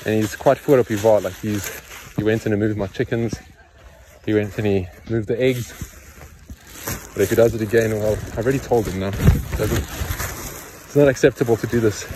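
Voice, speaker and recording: Holding his phone camera to film his own view, a man works in a yard by a pond and gives casual farm-vlog narration. His lowish voice keeps a steady tone at normal speed against background noise. The delivery stays blunt, matter-of-fact and full of opinions.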